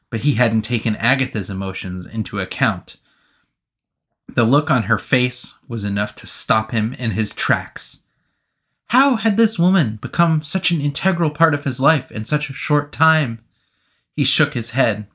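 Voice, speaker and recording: A man's voice: mid-range voice, fairly bright tone. A man co-hosting a podcast, who reads a novel aloud and banters with playful self-mockery. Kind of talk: casual chat and read-aloud narration.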